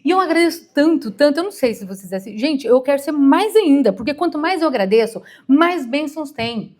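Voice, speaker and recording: A therapist in her fifties from Minas Gerais, Brazil, preaches an informal sermon to a congregation in a Mineiro Brazilian Portuguese accent. Her high, expressive voice has a darkish tone and moves fairly quickly. She's chatty and emotional, telling stories and acting out the quotes.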